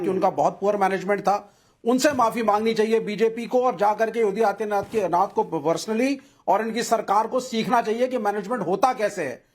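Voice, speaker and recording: High-voiced, emphatic panelist man. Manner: pleading, then emphatic argument. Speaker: debate panelist. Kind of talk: televised political debate.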